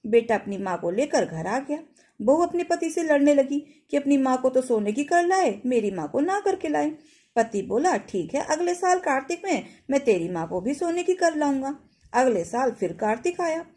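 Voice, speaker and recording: A woman's voice: sits high, mellow. A woman narrating a devotional folk tale in a plain, homely storytelling manner with ritual refrains.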